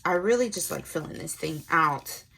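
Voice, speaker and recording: Young woman chatting thru her budget planner, low-ish gravelly voice, mumbles numbers to herself. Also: lively intonation, moderate pace, a bit bright. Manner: chatty, thinks aloud while writing, mutters numbers to herself. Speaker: planner vlogger. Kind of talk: casual narrated planner setup.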